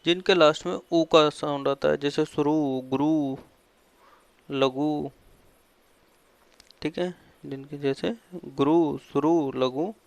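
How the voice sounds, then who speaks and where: Male teacher, slightly high, gravelly yet very clear voice, dry sound; quizzes himself and repeats terms like a classroom drill. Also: no room sound. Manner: asks questions and answers them himself, with frequent fillers. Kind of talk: explaining a lesson on Hindi vowel endings.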